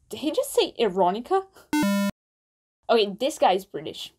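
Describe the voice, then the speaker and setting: A young woman doing casual reaction commentary for her channel, playful and self-mocking, with quick asides. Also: a little high, darkish tone. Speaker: musical reaction vlogger.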